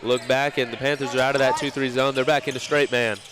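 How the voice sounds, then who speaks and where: Fast-talking young male color commentator. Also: medium pitch, flat delivery. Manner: rapid, chatty analysis with filler words. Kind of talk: casual basketball color commentary. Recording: noisy gym ambience. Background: gym crowd and bouncing basketballs.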